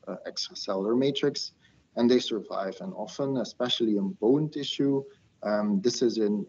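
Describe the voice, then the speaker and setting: A man's voice: lowish voice, darkish tone, slightly rough. A man in his thirties giving an academic webinar lecture over a video call, heard through a screen recording, talking with many hesitant fillers and restarts. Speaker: invited research speaker. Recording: dull lo-fi video-call audio.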